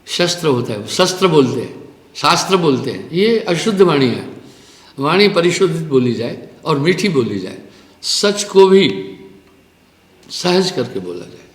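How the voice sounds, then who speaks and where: A man's voice: fairly high pitch, sing-song, a little slow. A man giving a live spiritual discourse as teacher, telling a parable and explaining language in a preaching, storytelling manner. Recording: echoey hall with long reverb.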